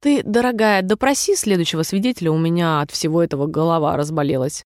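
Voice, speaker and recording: A woman's voice: fairly high pitch, animated, a little fast, no echo, lightly acted. A fussy storybook king, read by a woman, delivering pompous rulings from the bench with a tired edge. Plain, dry close recording. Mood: weary. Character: fussy, weary king presiding over a trial.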